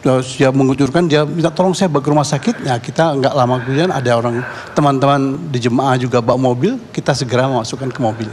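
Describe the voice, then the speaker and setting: Guesting on a TV talk show, this neighborhood head from Indonesia recounts what he witnessed, halting often to repeat and restart words. His voice has a typical male pitch, with long hall reverb, faint room ambience, and a little hiss or hum.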